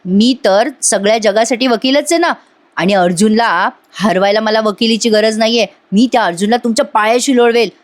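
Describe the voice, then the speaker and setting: A woman's voice: a little high, moderate pace, close to an everyday voice. Woman voicing young son, emotional, earnest, vengeful. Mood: vowing. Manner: emotional, vowing. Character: emotional young man, vowing revenge for father.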